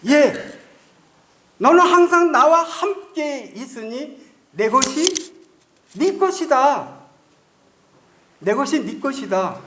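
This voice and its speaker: A man voicing a loving older father who reassures his son in a slow, drawn-out way. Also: very high-pitched, lively intonation, a little hiss or hum, voice pushed up. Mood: reassuring.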